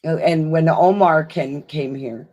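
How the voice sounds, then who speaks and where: A woman's voice: low voice, a little slow, dark tone, lo-fi sound. A woman in her sixties from Florida, co-hosting a live stream and chatting in a rambling, storytelling way. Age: 60s. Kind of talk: casual chat.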